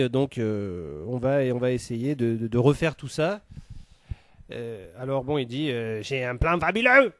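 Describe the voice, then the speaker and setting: A man's voice: medium pitch, darkish tone, no room sound. A man telling a comic story in a rambling monologue, full of hesitations and fillers.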